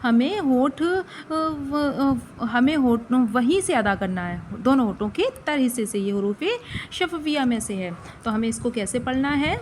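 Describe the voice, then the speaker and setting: High-voiced woman teaching letter sounds. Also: a little hiss or hum. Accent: Pakistani Urdu. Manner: patient, repeats letter sounds slowly and asks questions back to the learner. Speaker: Quran reading teacher. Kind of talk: step-by-step recitation lesson.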